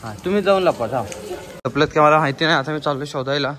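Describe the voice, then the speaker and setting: At home indoors, a man vlogs while playing with his little sisters, playful and coaxing and laughing often in casual family chat. His voice is a little high and fast, with a noisy background.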